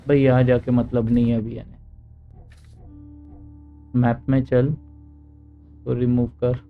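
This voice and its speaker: A man's voice: mid-range voice, level tone, racing, phone-quality sound, soft background music. A man with an Indian accent giving casual, blunt, heckling commentary as he plays a video game. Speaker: gamer.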